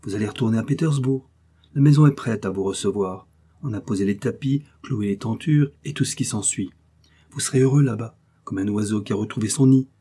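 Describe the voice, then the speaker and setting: A man reading aloud voices a lively, affectionate young woman who gently mocks her father, in a raised, slightly husky voice. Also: fairly low pitch, fairly quick. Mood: coaxing.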